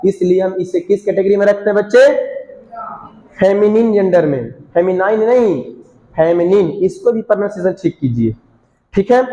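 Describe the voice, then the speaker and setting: Male grammar teacher, high voice, call-and-response lecturing, echoey room. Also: a little mellow. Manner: repeats questions and has students answer back. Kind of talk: classroom lecture.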